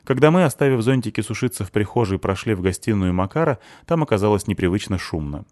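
Deep male audiobook narrator, ironic delivery, dry studio read. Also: animated, fast talker, darkish tone, no room sound. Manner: dry, ironic first-person telling. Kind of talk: audiobook reading.

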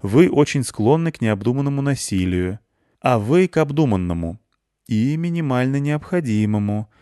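A man doing a calm, measured director. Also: mid-range voice, smooth, no echo, clean studio sound, voice pushed up, natural voice. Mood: patient. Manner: patient, measured, formal. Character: calm, polite, morally compromised school director.

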